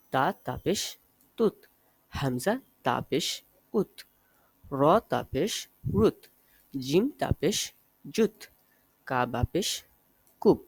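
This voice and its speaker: A man with a slightly high, husky voice leads an Arabic reading drill. He spells out each letter and vowel sign slowly and deliberately, and his close, dry recording has no room echo. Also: darkish tone. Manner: slow, deliberate letter-by-letter recitation.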